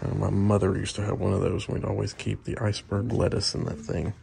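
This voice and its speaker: A man with a low, fairly quick, creaky voice casually narrates a walk-through of a large indoor antique mall, filming on a handheld phone. He's a booth owner touring the mall, relaxed, chatty and steady, with crowd and shop noise behind him.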